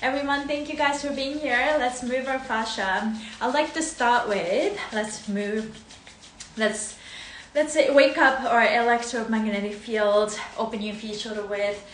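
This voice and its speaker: A woman's voice: fairly high pitch, steady tone, measured pace. A woman in her thirties, originally from Japan and a native Japanese speaker, leading a live-streamed movement class with bubbly, sing-song greetings and frequent laughs, filmed on a phone in her living room. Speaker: movement coach. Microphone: phone camera, close then from across the room. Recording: echoey room with faint noise.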